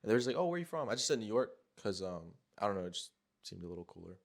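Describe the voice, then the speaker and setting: A man's voice: fairly low pitch, very animated, rapid-fire, creaky. A young man from New Jersey hosting a casual podcast, blunt and swearing freely as he tells stories. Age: young adult. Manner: blunt, profane, storytelling. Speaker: podcast host. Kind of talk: casual chat.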